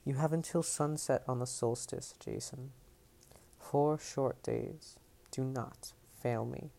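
A man's voice: medium pitch, steady tone, slow, gravelly, mellow. A man reading as a stern, ominous imprisoned goddess.

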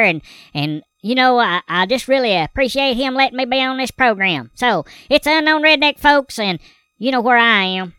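A man's voice: very high-pitched, sharp tone, smooth, no room sound, voice pushed up. A man voicing a folksy old Southern hillbilly man who rambles in a country drawl, with a Southern accent. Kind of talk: comedy character bit.

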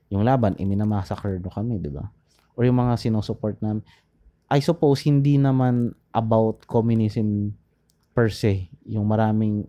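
A podcast co-host with a lowish, dark-toned voice talks casually through history in Tagalog mixed with English. He rambles and pauses to search for names.

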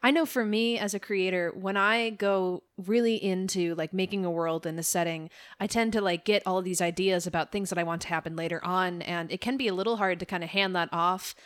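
A woman's voice: on the low side, fairly even intonation, a little fast, few pauses, smooth. A woman hosting a casual podcast chat, asking questions in a curious, chatty way.

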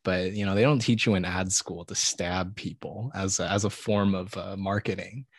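A man's voice: low voice, fairly even intonation, normal speed, slightly rough, no echo, studio quality. A man hosting casual, humorous commentary on old commercials in a wry, mock-analytical way. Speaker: host.

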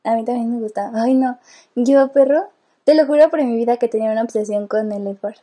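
A young woman with a Mexican Spanish accent chats casually with a friend. Her voice sits high and a little husky. She tells stories in an animated way and laughs often. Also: brisk. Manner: giggly, animated storytelling. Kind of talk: casual chat.

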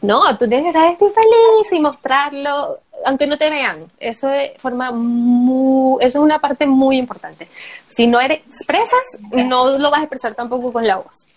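A woman's voice: sits high, measured pace, rough recording. A woman from Venezuela, a voice actor talking casually in an interview and acting out her examples. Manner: lively, acts out examples, laughs often. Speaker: guest, voice actor and announcer.

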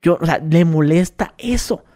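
Co-host with a Mexican accent, high voice, fast and slangy. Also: male voice, warm tone. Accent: Mexican Spanish. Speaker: podcast co-host. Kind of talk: casual chat.

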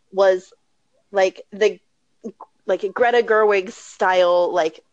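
A woman's voice: lowish voice, dry recording, rough recording. A young woman co-hosting a podcast, rambling passionately with lots of fillers in casual chat. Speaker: podcast co-host.

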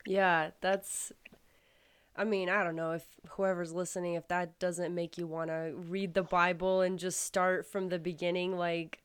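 A woman's voice: fairly low pitch, little pitch movement, a little slow, smooth. A woman hosting a podcast, talking earnestly and with emphasis about faith. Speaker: podcast host. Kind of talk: casual faith chat.

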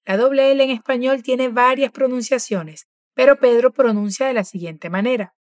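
A woman teaching pronunciation, patient and encouraging as she models words slowly for the learner to repeat. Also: on the high side, darkish tone, no echo, studio quality. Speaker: language teacher. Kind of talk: pronunciation drill lesson.

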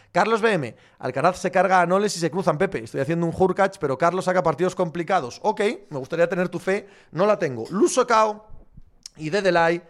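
Sardonic man, higher-pitched voice. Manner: sardonic, reads out viewer messages and answers bluntly. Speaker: host answering viewer questions. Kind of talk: casual chat.

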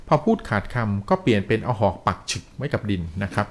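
Fast-talking male ghost-story teller. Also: lowish voice. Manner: lively, polite, with frequent polite particles.

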